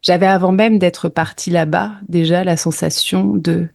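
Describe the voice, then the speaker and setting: A woman's voice: fairly low pitch, fairly even intonation, moderate pace, vocal fry, darkish tone. A French woman guest recounting her travels in a casual interview, hesitant with many fillers and restarts. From France.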